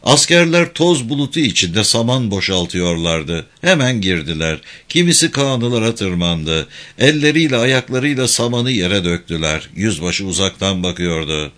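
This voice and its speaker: A man reading a novel aloud, narrating lively and putting on voices for each soldier. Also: fairly low pitch, moderate pace, hardly any pauses. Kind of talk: audiobook reading of a war novel.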